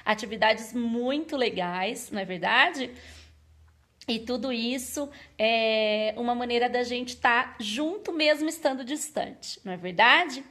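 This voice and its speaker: A woman leads a children's church service with a high, coaxing voice and a sing-song lilt, pausing often to ask the children questions. She speaks slowly and patiently. The recording is very echoey, as if made in a bare, reverberant room. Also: fairly bright tone. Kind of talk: online children's service and Bible story.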